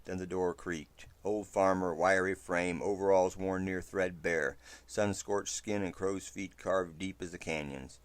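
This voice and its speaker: Deep-voiced man narrating a western tale. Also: steady tone, measured pace, hardly any pauses, dry recording. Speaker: storyteller. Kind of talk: first-person western story narration.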